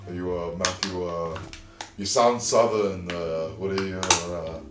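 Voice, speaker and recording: A man's voice: sits low, fairly even intonation, a little slow, music in the background. A man co-hosting a podcast, bantering playfully in improv comedy. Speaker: podcast co-host. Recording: echoey room, far from mic.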